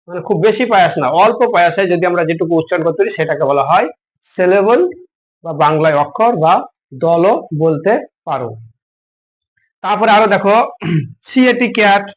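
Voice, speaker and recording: Guy with a high voice teaching a grammar class, spells stuff out slowly, keeps asking the kids questions. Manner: patient, spells words out letter by letter and quizzes the class. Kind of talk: grammar lesson for students.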